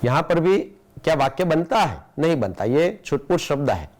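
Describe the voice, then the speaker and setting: A man with an Indian accent teaching a school language lesson, explaining patiently and reading example sentences slowly and deliberately. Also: on the high side, very animated, darkish tone. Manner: explains patiently, with rhetorical questions. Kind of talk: classroom lesson for students.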